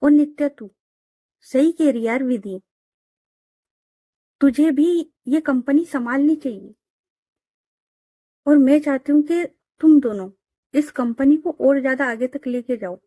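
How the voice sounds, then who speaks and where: A woman's voice: high-pitched, measured pace, pauses often, warm tone, no room sound. Woman voicing a firm mother. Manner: firm, commanding. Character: middle-aged mother, firm and peacekeeping.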